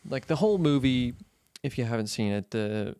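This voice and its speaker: A man's voice: medium pitch, lively intonation, moderate pace, mellow, clear, resonant tone, no echo, studio quality. A man co-hosting a casual film podcast, talking in an easygoing, agreeable way and laughing often. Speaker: podcast co-host.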